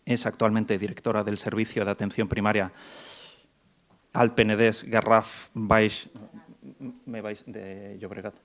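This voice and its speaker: Moderating a medical panel in a conference hall, this Mexican man introduces each speaker in a fairly low, flat voice at a measured pace, hesitating and restarting frequently with many fillers.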